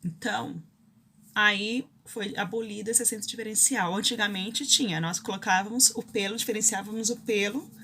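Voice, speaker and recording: A woman's voice: medium pitch, moderate pace, sharp tone, a little hiss or hum. A Brazilian woman teaching a grammar lesson, explaining rules step by step and often checking in with her students. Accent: Brazilian Portuguese.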